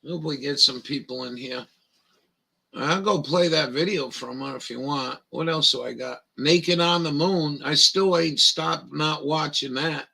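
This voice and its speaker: Maine guy rambling on his livestream, crude jokes, gravelly and slow. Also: fairly high pitch, bright, forceful tone, low-quality recording. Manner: crude, joking, drawling, reads aloud mockingly. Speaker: livestream host. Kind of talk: rambling casual livestream chat.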